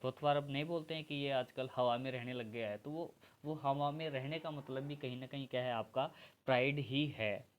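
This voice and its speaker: A man's voice: medium pitch, moderate pace. A man from India teaches English grammar for exams step by step and keeps addressing his viewers as friends. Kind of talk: exam-prep grammar lesson.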